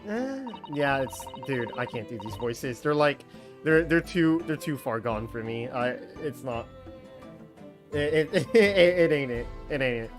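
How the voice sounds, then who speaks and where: A man streaming a game, talking in a casual, animated way and often swearing and getting flustered. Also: mid-range voice, a little slow, faint music behind. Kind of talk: casual gameplay commentary.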